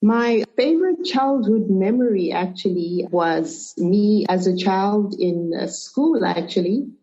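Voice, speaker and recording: A middle-aged woman from Zimbabwe and Zambia, a podcast guest answering questions in a relaxed way with small restarts. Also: medium pitch, slow pace. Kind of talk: conversational interview answers. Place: remote call. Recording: muffled lo-fi remote audio.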